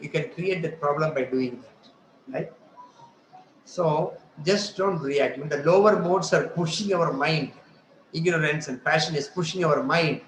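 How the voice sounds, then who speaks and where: A man gives an informal spiritual lesson, often asking "right?" and slipping into the voices he quotes. His voice sits a little high for a man. The recording has a roomy echo and a faint noise underneath. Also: a bit bright. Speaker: spiritual teacher. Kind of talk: conversational religious lecture.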